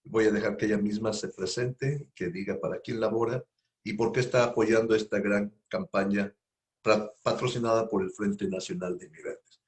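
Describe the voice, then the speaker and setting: A man's voice: on the low side, fairly even intonation, moderate pace. A man hosting a radio interview, giving a loose, rambling introduction full of fillers and repetitions. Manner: rambling, repeats himself, filler words. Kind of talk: spoken radio introduction, informal. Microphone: studio microphone.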